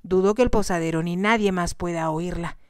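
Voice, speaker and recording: A woman's voice: on the low side, fairly quick, darkish tone, clear, resonant tone, dry recording, clean studio sound, lightly acted. A woman voicing a pushy man who forces his way into a lady's room and brushes off her pleas. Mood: smug insistent. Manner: insistent, smug.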